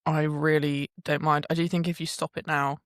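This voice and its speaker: A woman's voice: deep voice, little pitch movement, moderate pace, no echo, clean studio sound. A woman co-hosting a podcast in casual chat, teasing and laughing often. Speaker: podcast co-host.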